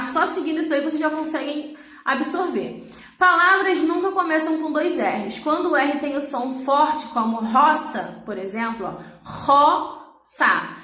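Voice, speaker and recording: A woman teaching a recorded language class with a high, bright voice. She explains step by step and keeps checking that her students follow. The sound carries an echo from the room. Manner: patient, explanatory, checks understanding with "tá?". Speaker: Portuguese teacher.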